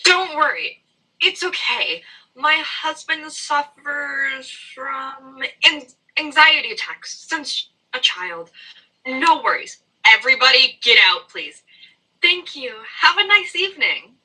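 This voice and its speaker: A flustered noblewoman hostess in a comic amateur stage play, acted by a woman. Her high voice is very bright and swoops up and down, picked up from a distance. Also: big pitch swings, slow, full character voice. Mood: flustered reassurance. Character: Lady Macbeth, flustered hostess smoothing over husband's outburst.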